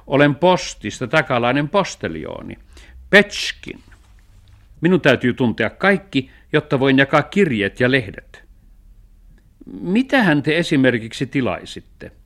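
A man's voice: mid-range voice, big pitch swings, fairly bright tone, voice pushed up. A man voicing a nosy, officious village postman in a children's radio story, asking questions in an inquisitive way. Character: nosy middle-aged male village postman.

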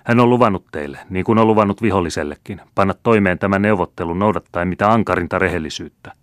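A man's voice: low-pitched, no room sound, studio quality, natural voice. A man reading aloud voices an impassioned young nobleman rallying soldiers, with a ringing but slender voice. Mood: indignant. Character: fiery young nobleman, beardless youth, proud.

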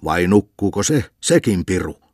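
A man voicing a pompous, hot-tempered village sexton who preaches haltingly and shouts in fury, in a storybook reading. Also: low voice, very animated, dry recording, studio quality. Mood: furious. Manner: preachy, halting sermon delivery turning to furious shouting.

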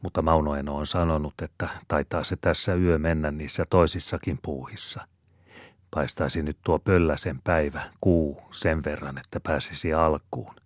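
A man reading a novel aloud as an audiobook narrator, in a steady, measured manner. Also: extremely low pitch, no echo, studio quality. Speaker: audiobook reader.

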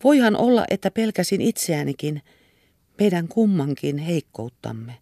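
A woman's voice: fairly low pitch, sing-song, warm tone, no echo, studio quality. A woman reader voicing an anxious young woman who pleads tenderly and earnestly. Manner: earnest and imploring.

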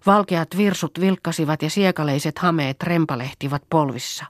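A woman reading an audiobook aloud in scripted narration, with an even, measured delivery. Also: low-pitched, no room sound, studio quality. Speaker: audiobook reader.

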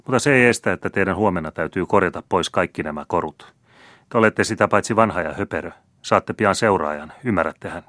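A haughty, scornful young nobleman, put on by a male audiobook reader, sneering and careless with everyone he speaks to. His voice sits low and close, with a dry, deadened sound. He mocks the people below him without effort. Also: fairly bright tone, no echo. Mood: contemptuous. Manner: haughty, mocking.

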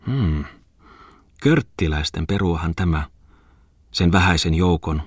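A man's voice: deep voice, expressive, breathy edge, dry recording, studio quality. A man playing a traveling male artist who murmurs his musings to himself. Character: young-ish male artist traveller, wry.

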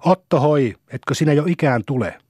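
A man reading an audiobook, voicing an anxious, fussy middle-aged farm wife who frets and calls out in exasperation, with a husky voice. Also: mid-range voice, darkish tone, dry recording, natural voice. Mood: calling out.

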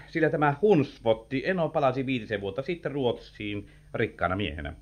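A sly, flirtatious gentleman, voiced by an actor who talks with big theatrical swoops, rising and falling all over. It sounds like a dull, lo-fi vintage radio recording. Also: medium pitch, animated, lightly acted. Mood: smooth. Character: sly, flirtatious gentleman bearing news of an inheritance. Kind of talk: vintage radio play acting.

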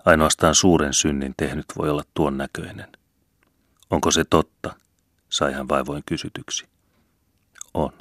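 Very deep-voiced male audiobook reader. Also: bright, forceful tone, no room sound, studio quality. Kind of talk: scripted narration.

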